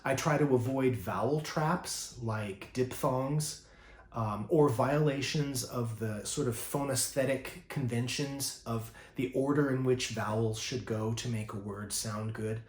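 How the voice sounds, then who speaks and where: A man, a poet, giving an informal spoken lesson on writing verse. He talks in a thoughtful way, savors words he likes, and fills pauses with frequent ums and uhs. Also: mid-range voice, echoey room. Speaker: poet teaching a master class.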